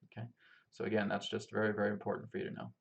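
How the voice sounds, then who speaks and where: A man's voice: fairly low pitch, completely flat delivery, very fast, creaky, lo-fi sound. A man giving an informal spiritual teaching talk to his listeners, emphatic and repetitive, often checking in with them. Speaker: spiritual teacher and healer hosting a live Q&A.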